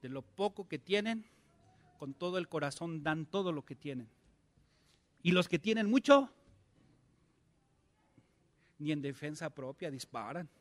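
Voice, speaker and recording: A male pastor, preaching a conversational sermon and asking his congregation many questions. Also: a little high.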